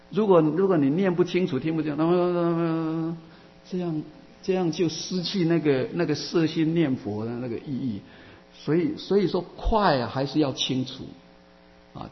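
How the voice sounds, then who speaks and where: Guy giving a buddhist dharma talk, gravelly, keeps restarting, muffled hall w a faint hum. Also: mid-range voice. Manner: halting, many restarts and drawn-out fillers. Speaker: Buddhist teacher answering questions.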